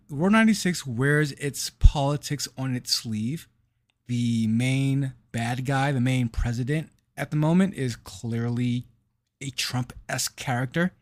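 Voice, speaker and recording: Man, podcast co-host, slow and halting, dry close mic, casual game chat. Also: mid-range voice, no room sound. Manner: slow, halting, searching for words.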